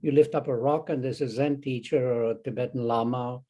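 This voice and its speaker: An older Chilean man with a Chilean Spanish accent, a Zen teacher appearing as an interview guest, speaks haltingly with frequent restarts and fillers. His voice is medium in pitch, steady and mellow, in a casual interview conversation.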